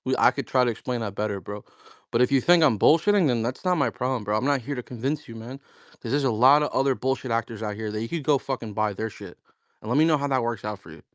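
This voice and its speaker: A man's voice: mid-range voice, quick pace, fairly bright tone, no echo. A man chatting casually, a founder telling stories and acting out both sides of a conversation, full of slang like bro and dude and frequent swearing. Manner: slangy and profane, addressing listeners as bro and dude. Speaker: crypto project founder. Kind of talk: casual chat on a live audio space.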